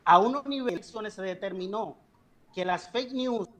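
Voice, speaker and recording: A man's voice: sits high, a little slow, a bit bright. A man speaking as a guest political analyst in a remote TV interview, his audio glitching and breaking up over the video link as he explains with frequent fillers. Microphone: video call link.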